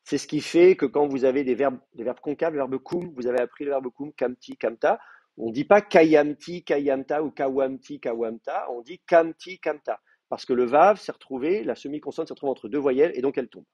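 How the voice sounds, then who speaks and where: A man's voice: mid-range voice, fast talker, a little mellow, husky, dry recording, muffled recording. A man lecturing a class, explaining patiently with many fillers and restarts. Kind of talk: university lecture.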